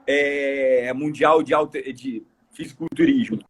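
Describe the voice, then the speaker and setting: A man's voice: mid-range voice, fairly even intonation, slow pace. A man with a Brazilian Portuguese accent, a coach talking earnestly and emphatically on a podcast, repeating phrases for stress. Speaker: coach and course speaker. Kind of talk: casual podcast conversation.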